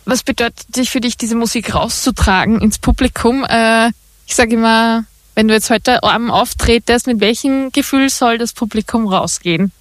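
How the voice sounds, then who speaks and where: A woman's voice: fairly high pitch, moderate pace, dry recording. A woman radio presenter asking a guest friendly interview questions, with a few fillers as she goes.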